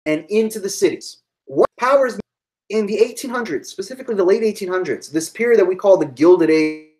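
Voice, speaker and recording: A woman's voice: medium pitch, expressive, brisk, warm tone, poor audio. A woman giving a live-streamed history lecture to online students, thinking aloud with fillers and asides.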